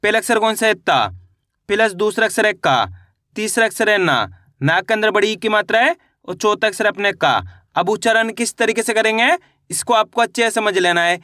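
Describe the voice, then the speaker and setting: High, bright-voiced male teacher. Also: lively intonation, no room sound, studio quality. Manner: slow, drawn-out syllables, asks and answers own questions. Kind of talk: Hindi reading lesson.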